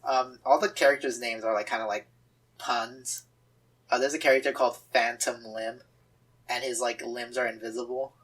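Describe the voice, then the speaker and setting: Young man, husky voice, giggly, casual chat while drawing. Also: mid-range voice, a bit bright, low-quality recording. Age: 20s. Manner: giggly, joking, quick to laugh. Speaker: guest artist.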